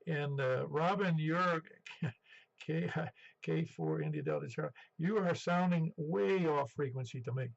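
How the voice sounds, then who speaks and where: A man's voice: on the high side, big pitch swings, unhurried, creaky. A man in his seventies running an amateur radio net in a chatty, rambling, easygoing way, heard over a two-way radio. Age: 70s. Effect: two-way radio transmission. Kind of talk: casual radio net check-in talk. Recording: dull band-limited ham radio audio.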